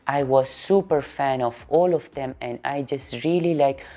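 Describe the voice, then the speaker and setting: Young Pakistani-accented woman, very low mellow voice, earnest casual vlog Q&A. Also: unhurried. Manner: earnest, simple phrasing with repeated intensifiers. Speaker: doll artist answering viewer questions.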